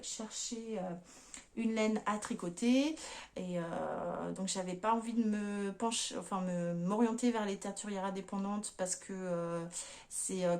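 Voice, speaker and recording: A woman's voice: medium pitch, darkish tone. Chatty woman with many fillers. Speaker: knitting podcast host. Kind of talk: casual chat.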